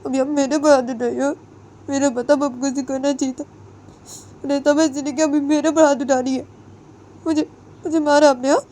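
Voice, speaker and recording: A woman's voice: sits high, little pitch movement, fairly quick, pauses often, warm tone, voice pushed up, lightly acted. A woman voicing a hurt young wife who talks back indignantly and repeats herself.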